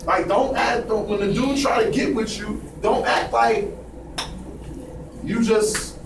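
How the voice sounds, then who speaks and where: High-voiced man preaching bluntly to a room. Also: steady tone, slow pace. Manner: preachy, profane, asks the room for agreement. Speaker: speaker addressing a group. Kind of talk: blunt motivational talk. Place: indoor room with a small audience. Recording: echoey noisy room from far off.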